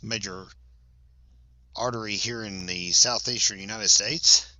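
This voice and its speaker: Man, softball play-by-play announcer, bright edgy tone, dry close sound, chatty. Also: on the low side, steady tone, unhurried, no room sound, dull audio. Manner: chatty, self-correcting, laughs at big plays. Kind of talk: sports commentary. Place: at a high school softball field.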